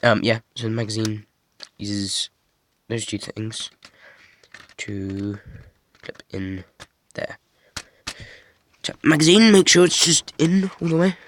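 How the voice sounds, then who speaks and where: A young man casually showing off a toy model he built, talking in a monotone with many fillers and restarts. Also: on the low side, slight background noise. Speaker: hobby builder showing a model. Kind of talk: casual show-and-tell.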